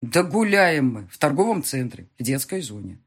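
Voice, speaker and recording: Woman doing a cold husband, audiobook character, curt, dismissive, husky, lively pitch. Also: moderate pace, exaggerated voice. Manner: curt, dismissive, flares into anger. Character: cold, irritated husband on the phone.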